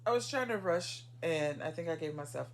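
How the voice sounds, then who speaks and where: Brief: animated co-host for a casual recap chat, mid-pitched, emphatic. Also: background noise. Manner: chatty and emphatic, with quick asides.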